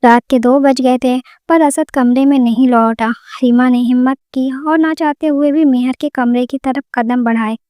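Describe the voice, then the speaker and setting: High-voiced woman telling a story. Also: hardly any pauses, smooth, dry recording, studio quality. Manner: steady storytelling. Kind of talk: scripted narration.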